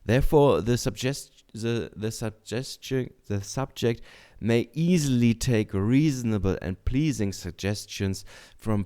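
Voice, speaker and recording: A man reading a book aloud in a deliberate, measured way, adding short comments as a teacher. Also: on the low side, mellow. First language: German.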